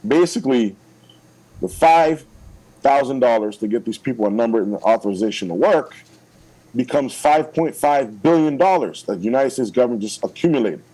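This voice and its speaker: A man's voice: mid-range voice, animated, fairly quick, mellow, poor audio. A man, a political candidate, making his case in a radio interview, emphatic and persuasive, checking in with "okay?" again and again.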